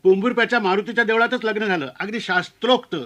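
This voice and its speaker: A man's voice: high voice, fairly even intonation, fast, a bit bright. A man telling a comic story of his own wedding in a wry, self-mocking way.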